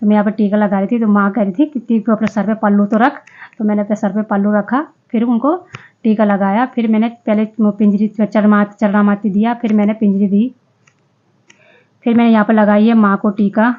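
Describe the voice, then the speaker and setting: A woman's voice: mid-range voice, flat delivery, a little fast. Chatty woman on a dull lo-fi voice-over. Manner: chatty, with frequent restarts and self-corrections. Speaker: vlogger. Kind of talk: casual vlog voice-over.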